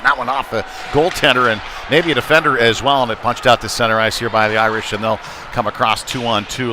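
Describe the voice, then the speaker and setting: This is live sports commentary from an ice hockey play-by-play announcer, a man whose mid-range voice snaps out brief, clipped calls. Crowd and venue noise from the rink comes through clearly in the background.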